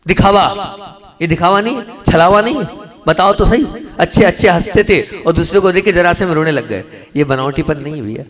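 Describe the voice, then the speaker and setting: Monk preaching to a gathering. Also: male voice. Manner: exhorting, asks the audience questions and repeats phrases; swings from soft and slow to loud and high for emphasis. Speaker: Jain monk. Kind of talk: sermon.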